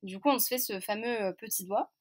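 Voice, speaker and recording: A woman's voice: mid-range voice, fairly quick, breathy edge. A French woman in her twenties, a podcast guest telling a personal story in a chatty, candid, hesitant way. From France. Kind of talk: casual storytelling interview.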